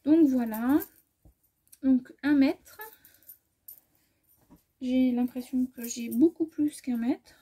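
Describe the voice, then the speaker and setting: High, soft-edged chatty woman sewing vlogger. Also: slow, long pauses, husky. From France. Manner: chatty, rambling, self-correcting, often trailing off softly. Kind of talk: casual fabric haul chat.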